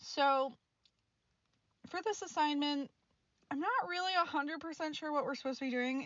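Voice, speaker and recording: A woman's voice: on the high side, fairly bright tone, no echo, highs cut off. A woman in her twenties, an art student, rambling frankly over her art footage in a casual, mildly exasperated voice-over and laughing often. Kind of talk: casual chatty voice-over vlog.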